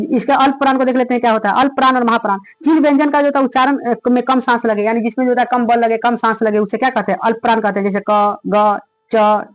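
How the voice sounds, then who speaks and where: A man's voice: extremely high pitch, no room sound, rough recording. A male teacher with a Bihari Hindi accent giving an exam revision lecture, asking rhetorical questions and answering them himself, with lots of filler phrases.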